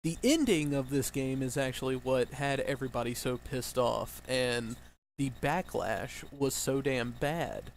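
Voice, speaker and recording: A man's voice: medium pitch, a little slow, a little hiss or hum. A man hosting a gaming video, commenting casually in an informal, sweary way.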